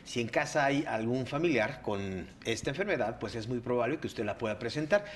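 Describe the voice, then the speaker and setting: A man's voice: medium pitch, expressive, fairly quick. Hesitant male interviewer. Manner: hesitant questions with restarts. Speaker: show host. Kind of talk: interviewing a guest. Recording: faint background noise.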